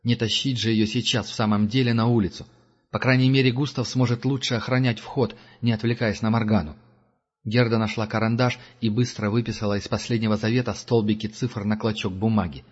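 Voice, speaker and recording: A man reading an audiobook in steady, measured scripted narration. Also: fairly low pitch. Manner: steady, measured reading with gruff character growls. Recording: dull lo-fi audiobook recording.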